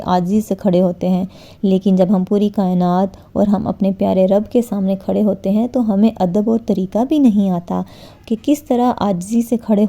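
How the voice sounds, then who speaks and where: Woman giving an earnest sermon on prayer, deep mellow tone, kinda muffled lo-fi sound. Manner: earnest, exhorting, slows to model recitation. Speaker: Islamic preacher. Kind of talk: religious lecture on prayer. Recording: dull lo-fi recording.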